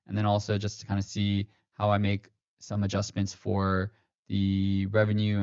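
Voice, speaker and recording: Through a streaming mic, a man with a lowish, slightly mellow voice hosts a finance livestream, chatting casually and correcting himself among plenty of fillers. His voice comes across a bit robotic, and the stream audio is dull, lo-fi, and dry.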